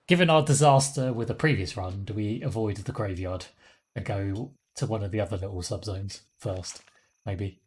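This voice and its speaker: A man's voice: lowish voice, normal speed, breathy edge. A man casually commentating on his live game stream, rambling with wry, chuckling asides.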